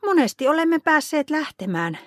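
A woman voicing a patient mother who speaks softly and soothingly to her young son in a storybook reading. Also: high voice, very animated, no room sound, studio quality, voice pushed up. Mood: gentle.

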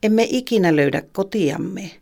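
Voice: mid-range voice, lively intonation, creaky, a little mellow. A reader voicing a timid young girl.

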